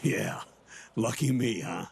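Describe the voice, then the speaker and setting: An actor playing a measured, fatherly older colonel in a video game, speaking in a husky voice as he explains himself. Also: on the low side, heavily acted. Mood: sheepish. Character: older male retired colonel, measured, fatherly, slightly sheepish. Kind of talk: dramatic video game acting.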